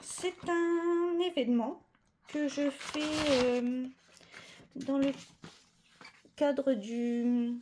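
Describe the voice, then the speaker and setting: A woman's voice: sits high, fairly even intonation, drawn-out words, pauses often, mellow, slight background noise. A woman chatting casually as a cross-stitch vlogger, rambling with many fillers and self-corrections. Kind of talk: casual chat.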